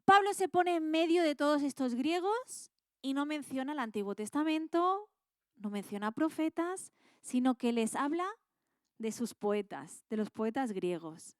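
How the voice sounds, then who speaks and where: A woman's voice: high-pitched, animated, unhurried, no room sound, studio quality. A woman with an accent from Spain, teaching a Bible class in a casual, colloquial way and quizzing her students with questions.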